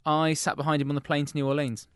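A British man co-hosting a podcast with casual banter, teasing and deadpan. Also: fairly high pitch, quick pace, clean tone, dry recording, clean studio sound. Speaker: podcast co-host.

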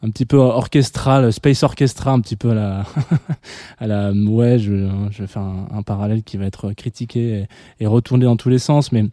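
A man's voice: on the low side, steady tone, normal speed, mellow, no echo, clean studio sound. A male radio host in casual late-night music chat, rambling with many fillers and restarts.

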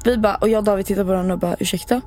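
With soft music in the background, a podcast co-host spins stories in a laid-back conversation, performing the quotes of the people involved with lively energy. She speaks in a mid-range voice.

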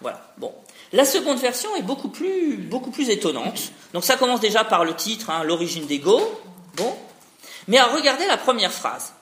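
Lively high-voiced man lecturing in an echoey room. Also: normal speed. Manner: discursive, frequent hein tags and restarts. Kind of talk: academic lecture. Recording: roomy echo.

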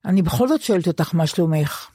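An older Israeli woman co-hosting a podcast, talking in a measured, earnest way. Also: lowish voice, lively intonation, warm tone, husky, dry recording, clean studio sound. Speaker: podcast co-host. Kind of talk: casual conversation.

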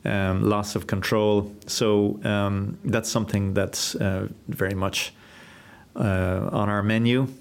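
Flight training head, low voice, earnest, lots of ums. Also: male voice, flat delivery. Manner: earnest, measured, with many fillers. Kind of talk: interview answers.

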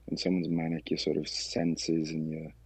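A man telling his own story in a casual interview, halting with many fillers and restarts. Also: very deep voice, completely flat delivery, breathy edge, no echo, low-quality recording. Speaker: guest sharing his story.

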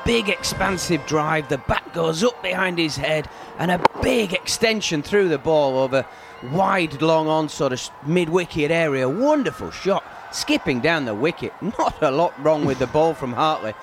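Bloke chatting through cricket shots as co-commentator, highish voice, noisy outdoors behind. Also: male voice, lively intonation, normal speed. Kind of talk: conversational expert analysis of each shot. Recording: clear outdoor ground noise.

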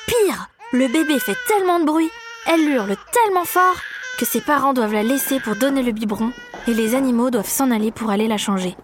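A woman narrating a children's story aloud in a lively, expressive way for young listeners. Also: high voice, brisk, noisy background.

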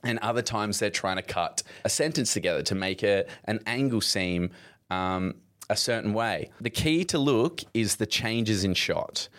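A man co-hosting a podcast, chatting casually and explaining things with quick asides. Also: lowish voice, animated, a bit bright. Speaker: podcast co-host. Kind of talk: casual chat.

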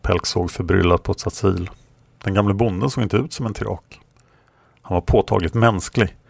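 A man reading a fantasy story aloud in a steady, measured way. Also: low voice, gravelly, no echo. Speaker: narrator.

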